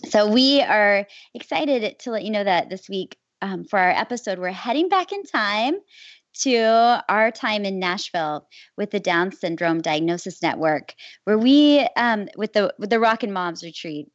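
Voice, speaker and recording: Excited woman podcast host, slightly dull sound. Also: medium pitch, measured pace, no echo. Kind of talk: casual scripted podcast announcement. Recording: dull, slightly lo-fi close recording.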